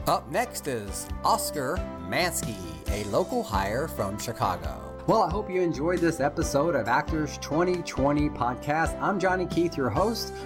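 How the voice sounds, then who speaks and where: A man hosting a podcast, chatting casually in an animated way. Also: a little high, a little slow, few pauses, over music. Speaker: podcast host. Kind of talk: casual interview and show outro.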